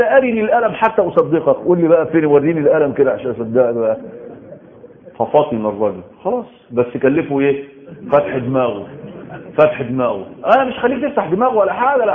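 A man with an Egyptian Arabic accent preaching a Quran commentary, lively and storytelling, acting out the voices in his anecdotes with sudden loud outbursts. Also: sits high. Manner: animated storytelling, acts out quoted voices with sudden loud shouts. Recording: echoey room over a tinny phone-like line.

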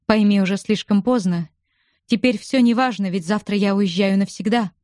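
A woman reading the part of a reserved, stern male explorer in a low, restrained voice for an audiobook. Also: fairly even intonation, normal speed, a little mellow, no echo, clean studio sound, lightly acted. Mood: grave, restrained.

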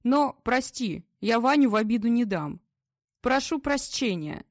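The voice is a drunk, bullying police general, put on by a woman reading an audiobook, slurring and swearing coarsely. The delivery swings widely in pitch and sits high. The sound is dry and close. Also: expressive, measured pace, dry recording. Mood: drunk maudlin. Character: drunk, crude, bullying middle-aged male police general.

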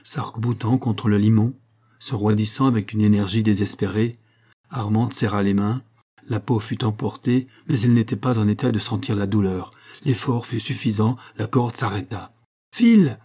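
Male audiobook narrator, measured pace, dark tone, husky voice. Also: fairly low pitch, steady tone. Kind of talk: scripted narration.

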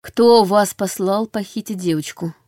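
A woman's voice: medium pitch, measured pace, mellow, no echo, lightly acted. A stern duke questioning a captive, as read by a woman narrating an audiobook. He speaks coldly and curtly, with threat under each command, and the voice sits close and dry. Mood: cold menace. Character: cold, stern male duke interrogating a prisoner.

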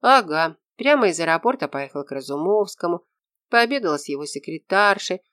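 A reader voicing Miroslava, a lively, teasing woman detective with a playful manner. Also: fairly low pitch, a little fast, no room sound, clean studio sound.

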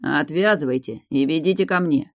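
A woman's voice: low voice, no room sound, clean studio sound. Lorenzo, a woman voicing a drawling mocking lord. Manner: slow, drawling, coolly ironic. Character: mocking stern male lord on horseback.

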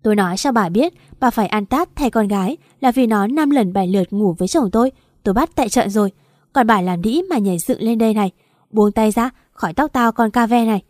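A woman voicing a jealous young wife who hurls crude insults, in a mellow voice on a dry recording. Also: a little high, brisk, no echo, lightly acted. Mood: abusive. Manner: abusive, insulting.

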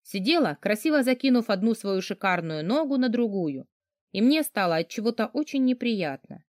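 A woman narrating a first-person novel in a tense, expressive way. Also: mid-range voice, moderate pace, no room sound, clean studio sound. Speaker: audiobook narrator.

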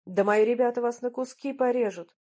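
A woman reading an audiobook, voicing a crude young male thug who yells threats. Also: fairly high pitch, brisk, lightly acted. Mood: angry. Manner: yelling threats.

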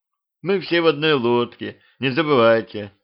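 A man's voice: mid-range voice, animated, moderate pace, lightly acted. A young female vampire with a mocking, soothing manner, as a man reading an audiobook puts her on. The voice is lifted somewhat above his own. The recording sounds dull. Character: teasing young female vampire, calm peacemaker.

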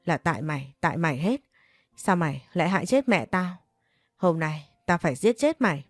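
Woman voicing a spiteful sister-in-law, furious, hissing, lowered voice, dry close sound. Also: expressive, normal speed, no room sound, soft background music. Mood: venomous. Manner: shrill hissing accusations.

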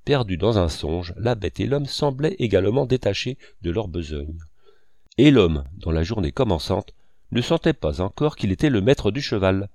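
A man narrating a literary novel as an audiobook in a measured, expressive reading. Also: lowish voice, no echo, clean studio sound.

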